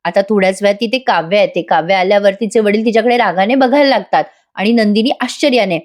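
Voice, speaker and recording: A woman's voice: medium pitch, fast talker. A woman chatting through a voice-over episode review of a TV serial, talking straight to the viewers. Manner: chatty, addresses viewers directly.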